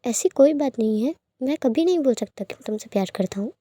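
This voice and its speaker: Woman voicing a playful young guy begging his lover to calm down, storybook, high voice. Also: quick pace, no echo, clean studio sound. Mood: pleading coaxing. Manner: coaxing, pleading, teasing.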